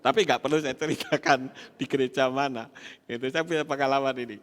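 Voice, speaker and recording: A man preaching an animated sermon, laughing often and speaking straight to his congregation. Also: medium pitch, fast talker. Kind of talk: sermon with stories and audience questions. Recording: long hall reverb.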